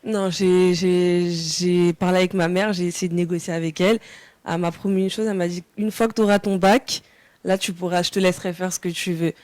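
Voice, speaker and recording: A woman's voice: fairly low pitch, fairly even intonation, brisk, a little mellow, no room sound. A young woman from France, a singer answering interview questions casually, hesitant with many fillers and restarts.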